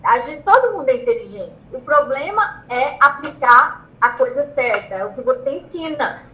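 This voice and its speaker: A Brazilian woman with a high, bright voice tells her own story in an interview. She talks excitedly, repeats phrases and acts out what she once shouted. The room gives her voice a noticeable echo. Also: moderate pace, muffled recording. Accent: Brazilian Portuguese. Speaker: interviewee, law graduate who passed the bar exam. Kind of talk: emotional personal storytelling.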